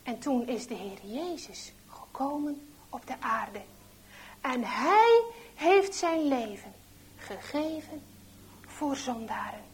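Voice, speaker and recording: A woman voicing a calm, earnest young man explaining his faith. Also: high-pitched, takes it slowly, pauses often, slightly rough, exaggerated voice.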